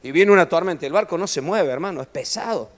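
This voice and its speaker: A man preaching a sermon in a church hall, animated and joking with his listeners, often calling them brother. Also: fairly high pitch, quick pace. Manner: animated preaching, constantly saying "hermano", jokes with the audience. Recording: long reverb of a church hall.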